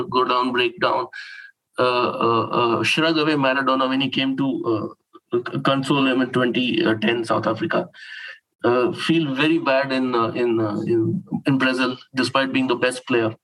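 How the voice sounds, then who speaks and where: A man talking through football memories in a halting, heartfelt way, with many restarts and fillers. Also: high-pitched, slightly rough, rough recording. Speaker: guest football commentator. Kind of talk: emotional conversational recollection.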